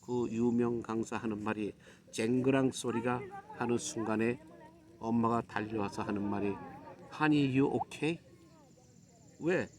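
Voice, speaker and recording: A middle-aged man from Korea giving a preachy, admonishing monologue to his viewers, with emphatic pauses. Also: medium pitch, level tone, a crowd in the background. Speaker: YouTube commentator.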